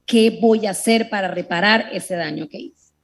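A woman preaching a sermon to a live audience, animated, telling stories and speaking directly to her listeners. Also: medium pitch, normal speed.

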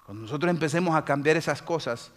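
A man, preaching a lively sermon as pastor and acting out his congregation's excuses. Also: fairly high pitch, fast. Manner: animated, mimics churchgoers' excuses.

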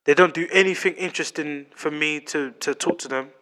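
A man's voice: on the high side, brisk, a bit bright, rough recording. Young London roadman talking emphatically. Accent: London roadman (urban London slang accent). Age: late 20s. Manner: emphatic, repetitive, slang-heavy. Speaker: podcast host. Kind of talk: casual opinionated chat.

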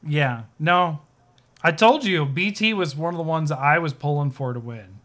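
A man's voice: on the high side, normal speed, fairly bright tone. A man co-hosting a casual podcast, rambling with lots of fillers and restarts. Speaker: podcast co-host. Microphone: video call setup, sharing his screen.

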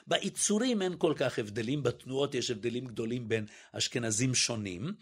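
A man's voice: mid-range voice, slightly rough. A man speaking as a guest linguist in an interview, methodically demonstrating each sound aloud and sometimes hesitating and correcting himself. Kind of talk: explanatory interview talk.

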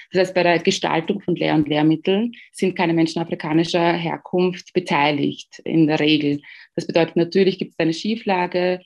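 Measured low-voiced woman from Ghana. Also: vocal fry, darkish tone, muffled recording. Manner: measured, thoughtful, frequent hesitations. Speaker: guest, education researcher. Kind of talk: interview answers.

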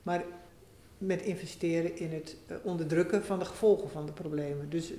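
Guest essayist, mid-pitched voice, measured and explanatory, recorded in an echoey room. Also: fairly even intonation, mellow. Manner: thoughtful, explanatory, with frequent restarts. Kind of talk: conversational interview. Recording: roomy echo.

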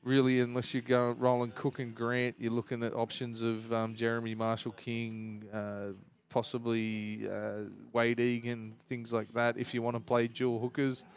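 An Australian man in a relaxed sports podcast conversation. His pitch moves very little as he works through his analysis, giving a flat, even delivery at an ordinary male pitch. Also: moderate pace, few pauses, clean tone. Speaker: fantasy rugby league podcast co-host. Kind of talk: casual sports chat and analysis.

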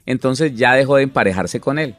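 A man's voice: mid-range voice, brisk, a bit bright, no echo, faint music behind. A middle-aged man, a pastor, earnestly explaining Bible teaching in conversation with many restarts.

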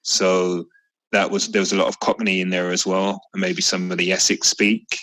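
A middle-aged man leads a casual family conversation. His voice sits low and unhurried. He tells stories with an easy, joking manner. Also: poor audio. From East London. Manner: relaxed storytelling, jokey asides.

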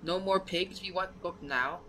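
A man's voice: high-pitched, a little slow, pushed and bright, a little hiss or hum, pitched above the performer's own voice, rough recording. A man voicing a pack of greedy goblins who talk in broken, childish, grabby phrases. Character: greedy squeaky male goblins.

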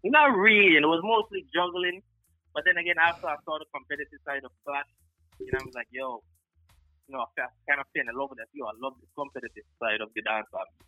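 A man chats loosely in an interview, his voice very bright and sharp. He often tags on "you know what I mean." The sound is dry and close, with faint music behind him. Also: fairly high pitch, fast talker, dry recording, poor audio. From Guyana. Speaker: sound clash selector. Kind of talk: casual interview chat.

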